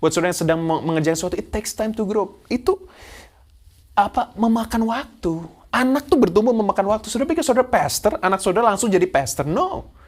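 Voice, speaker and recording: A man in his forties preaching a sermon as pastor, animated, switching into English phrases and acting out the voices of churchgoers. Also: high voice, quick pace. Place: church stage.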